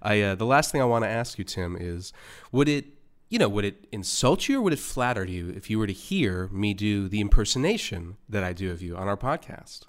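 Effusive male podcast host, lively pitch. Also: a little fast. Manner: effusive, grateful. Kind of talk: casual podcast chat.

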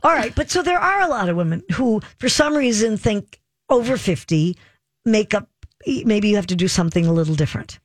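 A woman's voice: medium pitch, expressive, fairly quick, no room sound, clean studio sound. A woman hosting a radio talk show, chatty and curious, asking her co-host questions. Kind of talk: casual radio chat.

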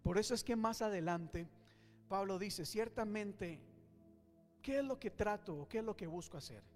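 A male pastor preaching a sermon in a church, swinging between loud and hushed. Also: high voice, animated, moderate pace, in a large hall, soft background music.

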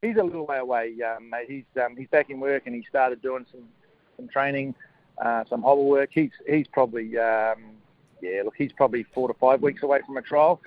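A man's voice: a little fast, no echo. New man on a muffled line. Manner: hesitant, matey, low-key. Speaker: harness racing horse trainer, interview guest. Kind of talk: casual radio phone-in interview. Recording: narrow, lo-fi phone-like line.

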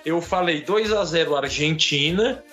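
A man's voice: a little high, measured pace, pushed and bright. A Brazilian man chatting casually about sports as a podcast panelist. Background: music.

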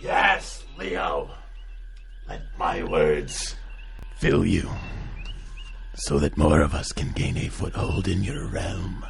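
Unearthly, gravelly evil cursed book. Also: male voice, low voice, very animated, slight background noise, full character voice. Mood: sinister coaxing. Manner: slow, coaxing, sinister. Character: sly evil talking cursed book, seductive tempter. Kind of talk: audio comedy drama acting.

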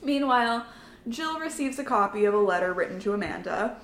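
A woman's voice: a little high, lively intonation, brisk, fairly bright tone. A woman co-hosting a podcast, reading out a movie's plot summary with joking asides in casual chat. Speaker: podcast co-host. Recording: roomy with faint ambience.

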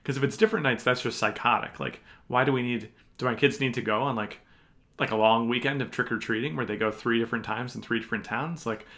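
A man with a bright, forceful voice of average pitch co-hosts a sports podcast. He talks casually, laying out his analysis conversationally and qualifying it as he goes. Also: steady tone, fast. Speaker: podcast co-host, fantasy basketball analyst.

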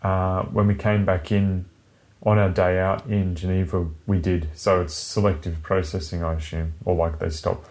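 A man's voice: low voice, flat delivery, normal speed, darkish tone. A man co-hosting a podcast, chatting casually and sardonically and swearing freely. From Britain. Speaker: podcast co-host. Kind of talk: casual chat.

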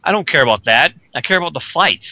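A man's voice: on the high side, expressive, bright, forceful tone, dry recording. A man co-hosting a radio talk show, chatting casually and sharing opinionated predictions. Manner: opinionated, speculative, acts out quick character voices. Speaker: podcast co-host. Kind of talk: casual chat.

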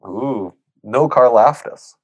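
A man's voice: medium pitch, slow, darkish tone, husky, rough recording. A man on a sports podcast panel, bantering casually in a blunt, informal way.

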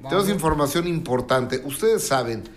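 A man's voice: fairly high pitch, expressive, normal speed. A man from Mexico City calling in to a radio show with a celebrity gossip report, opening with theatrical greetings. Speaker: entertainment news reporter.

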